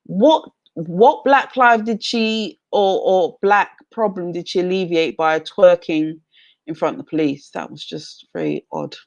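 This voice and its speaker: A woman's voice: on the low side, very animated, a little slow, muffled recording. A young adult woman from England chatting casually on a livestream, reading out viewer comments and rambling with many fillers and restarts. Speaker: livestream host.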